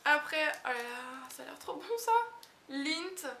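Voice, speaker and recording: A young woman beauty vlogger chatting casually and gushing with excitement as she unboxes a package at home. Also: sits high, a little slow, vocal fry, a little hiss or hum. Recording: echoey room.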